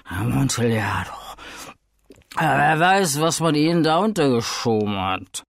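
A man voicing an excitable, tipsy male wine connoisseur who talks loudly and insistently. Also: medium pitch, unhurried, creaky, no room sound, clean studio sound. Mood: dismissive eager. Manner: loud, exclamatory, insistent.

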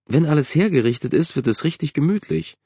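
A man's voice: on the high side, expressive, brisk, mellow, slightly rough, no echo, pitched above the performer's own voice. A man voicing a weary, nagging mother who calls out and scolds in a raised voice, in a dull, dry recording. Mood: practical.

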